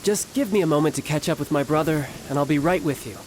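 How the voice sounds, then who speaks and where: An actor playing a smooth, playful young harbinger in a video game, breezy, polite and theatrical. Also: male voice, a little high, quick pace, a little mellow, a little hiss or hum, natural voice, rough recording. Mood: casual, brotherly. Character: smooth, playful young male harbinger posing as toy seller.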